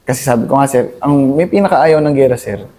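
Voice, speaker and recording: Expressive, slightly fast, and dark in tone at a medium pitch, this army officer from Cavite speaks candidly in an interview. He's earnest, weaves English into his talk, and says "sir" with nearly every phrase.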